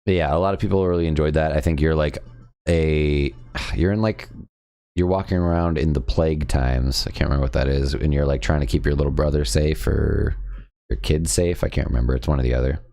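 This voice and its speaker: A young man with a strikingly deep, low voice chats casually on a live stream. He rambles and gets excitable, tossing out quick opinions in a loose, unscripted way. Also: creaky. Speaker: streamer host.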